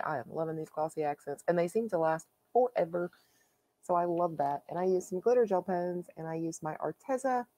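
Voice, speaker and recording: A woman hosting her own coloring channel, chatting casually and haltingly with plenty of fillers as she shows her finished pages. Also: on the low side, dark tone. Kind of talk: casual show-and-tell.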